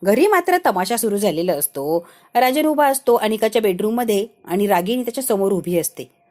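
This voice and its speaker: A woman narrating and acting out a TV serial's scenes in a lively storytelling manner. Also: medium pitch, fairly quick. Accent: Marathi. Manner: lively, acts out quarrels with raised voice. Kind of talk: dramatic retelling of a TV serial with voiced dialogue.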